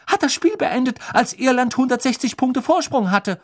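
Man voicing an excited, yelling teen boy, pitched way up, storybook. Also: moderate pace. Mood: gleeful shouting. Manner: yelling, indignant. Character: teenage boy, exuberant, shouting with glee.

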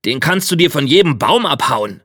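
A man voicing a doubtful, gruff old tailor father in a fairy tale. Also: big pitch swings, sharp tone, no room sound, studio quality, full character voice. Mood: skeptical. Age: older. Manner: slow, skeptical and low.

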